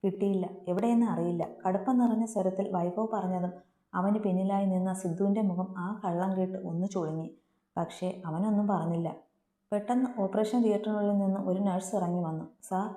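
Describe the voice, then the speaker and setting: A woman narrating a serialized family story in a steady, earnest reading voice. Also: medium pitch, a little fast. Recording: roomy echo.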